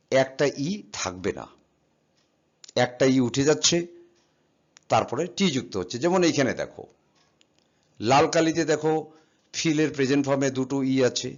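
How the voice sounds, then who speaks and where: A man teaching an English grammar lesson, patiently spelling words out letter by letter and asking and answering his own questions. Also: on the high side. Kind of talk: classroom lesson explaining verb forms. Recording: slightly dull, lo-fi sound.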